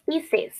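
A woman's voice: high voice, darkish tone, low-quality recording. A woman teacher leading a class, patiently repeating and praising student answers.

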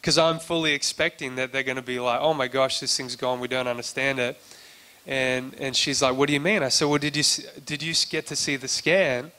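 A man preaching in an easy, chatty sermon voice, bright and crisp in tone. He tells his story with little rise and fall in pitch, acting out the lines he quotes. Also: fairly even intonation, brisk. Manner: conversational, acts out quoted dialogue, frequent restarts. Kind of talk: sermon testimony.

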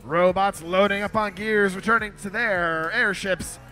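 A man announcing a robotics match with energetic, excited play-by-play commentary in a competition arena. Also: high voice, unhurried, faint music behind.

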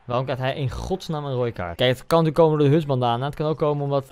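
A hoarse young man commenting on his own football video game, shouting and cheering at goals. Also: medium pitch, very fast. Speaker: gaming video host. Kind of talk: excited gameplay commentary.

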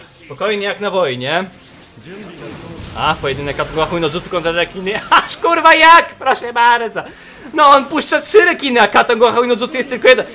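Energiczny, jasny głos młodego gracza. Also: male voice, high-pitched. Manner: swearing, sarcastic, shouts in frustration. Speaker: gaming youtuber. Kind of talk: gameplay commentary.

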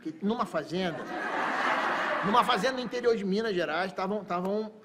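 A comedian playing a boastful, streetwise Rio hustler on a TV sketch show, telling rambling tall tales with slangy swagger and stammered restarts. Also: male voice, high-pitched, moderate pace, very noisy. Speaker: comic character on a sketch show. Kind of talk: stand-up style comic storytelling. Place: TV studio stage.

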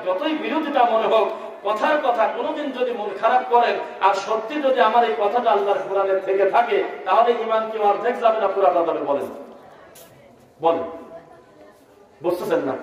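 A man's voice: very high voice, muffled recording. Man, Bangladeshi Bengali accent, preacher, rhetorical questions to the crowd, long hall reverb, echoey. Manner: rhetorical, asks the crowd to answer back; chants verses in a slow melodic recitation. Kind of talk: sermon at a religious gathering. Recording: very echoey hall, speaker far from mic.

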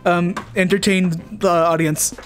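A man streaming a video game live, joking around with a co-player in a playful, excitable way. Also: high voice, measured pace. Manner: playful and excitable, jumping into squeals and gasps. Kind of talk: casual live-stream banter.

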